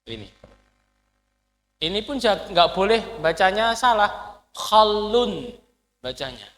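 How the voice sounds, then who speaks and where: A man's voice: high-pitched, sing-song, unhurried, fairly bright tone. A man teaching an Arabic class, explaining patiently and quizzing his students. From Indonesia. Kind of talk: classroom lesson. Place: lecture hall. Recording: long hall reverb.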